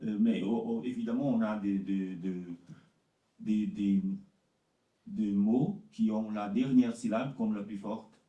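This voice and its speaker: A man gives a conference talk about translation. He answers questions slowly and haltingly, often repeating words and using fillers. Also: fairly low pitch, fairly even intonation, warm tone, roomy sound, distant mic, highs cut off. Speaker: literary translator presenting his work.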